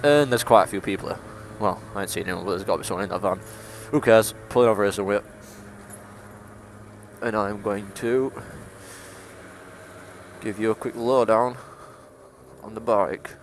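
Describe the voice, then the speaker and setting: This motovlogger, a late-teen young man from England with a heavy Yorkshire accent, chats easily while riding his scooter outside, laughing now and then. He speaks in a lowish voice at a moderate pace, pausing often, with faint engine and traffic sounds in the background.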